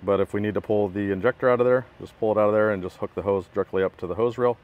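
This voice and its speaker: In narrow, tinny audio, a man with a fairly low, steady voice talks rapid-fire while walking around a work truck. He's the equipment builder, filming this casual, plainspoken product walkthrough himself on a phone in a parking lot.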